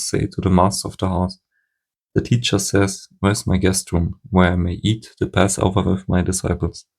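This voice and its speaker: A man reading scripture aloud at a steady pace, now and then stumbling and restarting a word. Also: deep voice. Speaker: Bible reader.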